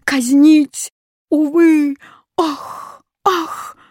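A woman's voice: high-pitched, fairly even intonation, extremely slow, a little mellow, no echo, clean studio sound, voice pushed up. A woman voicing a tearful little exclamation mark who wails and sobs in a storybook reading. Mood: sobbing. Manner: sobbing, wailing.

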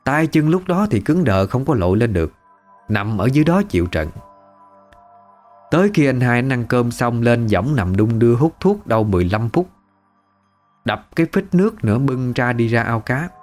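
A man's voice: mid-range voice, sing-song, moderate pace, darkish tone, faint music behind. A man with a Southern Vietnamese accent narrating a first-person family story in a conversational, emotive way.

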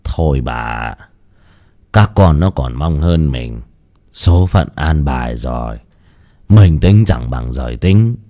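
A man voicing a tired, resigned old village husband who grumbles in a low voice. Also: animated, slow, warm tone, exaggerated voice.

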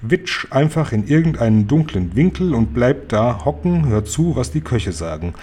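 A loving old grandmother from a storybook, voiced by a man reading aloud. She speaks calmly and with care, in a warm, mellow tone. The pitch sits in the middle range. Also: normal speed, husky. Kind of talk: audiobook reading.

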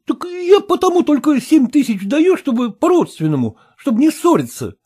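A reader doing a meek, put-upon man who sighs his way through a bargain. The voice sits high and lively, with a soft, reluctant manner. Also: moderate pace. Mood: sighing, reluctant. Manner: sighing, soft-spoken. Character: meek, sighing male heir, wheedling.

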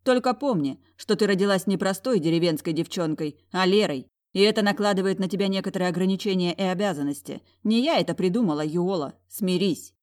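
A woman's voice: mid-range voice, fairly quick, hardly any pauses, a little mellow, lightly acted. A woman voicing a stern, proud young heiress in a storybook, with a firm, commanding delivery.

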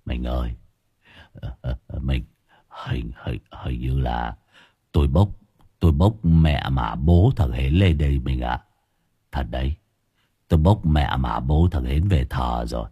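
A man's voice: extremely low pitch, steady tone, normal speed, dark tone, breathy edge, no echo, highs cut off, pitched below the performer's own voice. A man voicing a timid, stammering middle-aged village husband. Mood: confessing. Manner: stammering, fearful.

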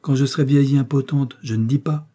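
A man's voice: medium pitch, steady tone, fast talker, pitched above the performer's own voice, lightly acted. A man doing a timid old mother. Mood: humble. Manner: timid, soft-spoken. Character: humble, timid older widowed mother.

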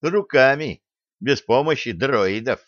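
A man voicing a gruff, sardonic male starship captain who gives bossy orders, in a dull lo-fi audiobook recording. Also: mid-range voice, expressive, takes it slowly, dry recording, pitched above the performer's own voice. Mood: stern mocking. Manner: bossy, grumbling.

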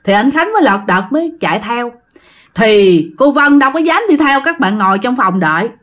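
Woman, Southern Vietnamese accent, casual chatty ghost-story teller, fairly high voice. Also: sing-song, moderate pace, fairly bright tone. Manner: chatty, addresses listeners directly.

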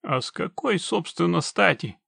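Geralt, a man doing an icily calm witcher. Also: high voice, moderate pace, creaky, slightly rough, dry recording, voice pushed up, heavily acted. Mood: coldly mocking. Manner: icily calm, dry, mocking. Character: cold, mercenary male witcher, unflappably calm. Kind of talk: audiobook reading.

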